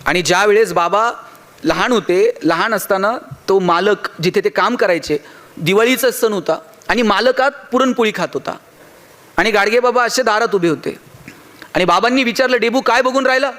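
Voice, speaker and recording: A man's voice: high-pitched, moderate pace, a bit bright. A man giving a motivational public speech, telling funny stories and talking directly to his audience. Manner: humorous storytelling, addresses the audience directly. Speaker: motivational speaker.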